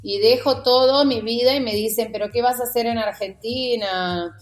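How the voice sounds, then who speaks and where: Her voice sits on the higher side and moves at a moderate pace over faint background music. She's a middle-aged woman from Rio de Janeiro, Brazil, with porteño Spanish from Buenos Aires, a wedding photographer guesting on a podcast who tells casual personal stories and animatedly acts out the dialogue in them.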